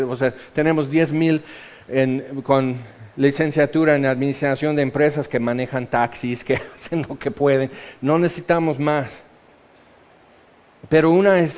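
Animated male preacher, dull audio. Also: on the high side. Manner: animated, acts out quoted voices. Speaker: pastor. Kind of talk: sermon.

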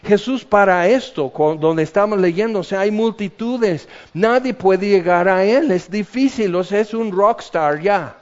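A man's voice: high voice, a little slow, few pauses. A man preaching a sermon, joking and acting out little scenes in different voices. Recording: dull lo-fi sound.

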